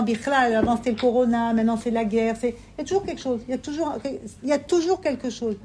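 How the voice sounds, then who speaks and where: A woman giving an impassioned sermon to a women's gathering, pleading and repeating herself for emphasis. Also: high-pitched. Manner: fervent and pleading, with emphatic repetition. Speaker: religious women's teacher.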